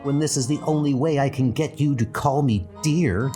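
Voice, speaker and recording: A woman's voice: very deep voice, moderate pace. Coy, pouting Wasp heroine acted by a woman. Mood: flirty, petulant. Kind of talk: comic-book dub acting. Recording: music under the voice.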